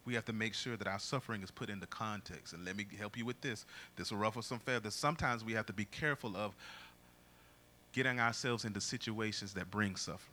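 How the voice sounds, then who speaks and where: Male pastor preaching, bright voice, gets loud and slow on scripture. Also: a little hiss or hum. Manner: booming, drawn-out when reading scripture, dropping low for asides. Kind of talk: sermon.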